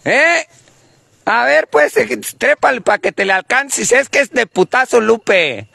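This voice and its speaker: A man with a Mexican accent doing comedic sketch banter, teasing and scolding, often shouting. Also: very high-pitched, expressive, measured pace, gravelly, slightly rough, dry recording. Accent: Mexican Spanish. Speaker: comedy vlogger.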